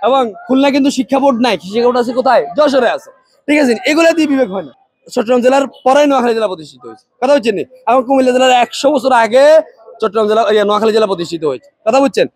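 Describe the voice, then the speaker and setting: A man's voice: extremely high pitch, very fast, no room sound. A man from Noakhali speaking with a Noakhali Bengali accent in a street interview, arguing hard, repeating himself and checking that listeners follow. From Noakhali, Bangladesh.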